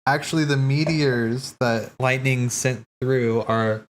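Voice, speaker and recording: A native English-speaking man livestreams his reaction to game cutscenes, chatting casually and thinking aloud with lots of fillers and restarts. His medium-pitched voice is steady and slow, with a little hiss or hum in the background.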